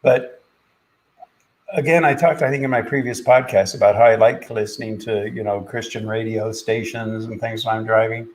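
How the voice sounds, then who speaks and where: A man hosting a podcast, speaking in a halting, casual way about spiritual ideas, with many fillers and restarts. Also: fairly low pitch, fairly even intonation, slight background noise, rough recording. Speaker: podcast host and spiritual teacher.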